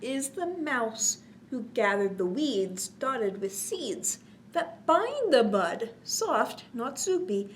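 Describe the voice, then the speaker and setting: At a kids' story session, a woman whose voice sits a little high reads from a picture book, giving it expressive, sing-song emphasis. She stops to explain and ask questions, and there is slight background noise.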